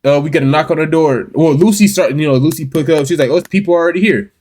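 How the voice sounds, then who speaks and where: A man co-hosting a casual anime podcast, chatting laid-back and throwing in quick agreements. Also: a little high, darkish tone. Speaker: podcast co-host. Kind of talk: casual anime recap chat.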